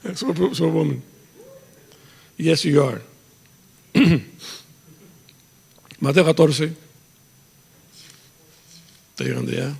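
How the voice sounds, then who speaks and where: A man's voice: fairly high pitch, slow pace, gravelly, pauses often, darkish tone, husky, in a large hall. A man preaching a sermon as pastor, mixing Spanish with English phrases and building emphasis as he reads aloud. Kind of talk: bilingual sermon. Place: church sanctuary.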